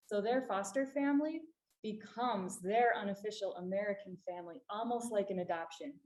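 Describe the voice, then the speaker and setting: A woman from a refugee services agency giving a public talk to a library audience, explaining earnestly and stressing key points. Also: medium pitch. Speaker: refugee services staff presenter. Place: library meeting room. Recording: echoey room.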